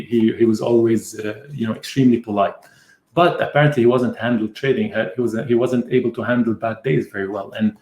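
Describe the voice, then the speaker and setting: A man's voice: mid-range voice, warm tone. A middle-aged man hosting a trading webinar, teaching conversationally and explaining through stories. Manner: storytelling, explains with anecdotes. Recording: roomy echo.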